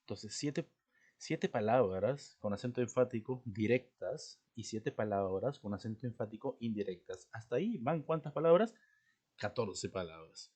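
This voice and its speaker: A man's voice: fairly low pitch, lively intonation, normal speed, darkish tone. A man teaching a language class, explaining step by step and often checking in with his students. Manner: clears throat now and then. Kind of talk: recorded class lesson.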